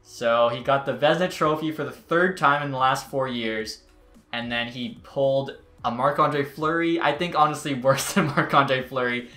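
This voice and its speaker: A man's voice: medium pitch, moderate pace, pushed and bright, soft background music. A man giving casual gameplay commentary as a YouTuber, chatty with exasperated outbursts. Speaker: gaming YouTuber. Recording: roomy echo.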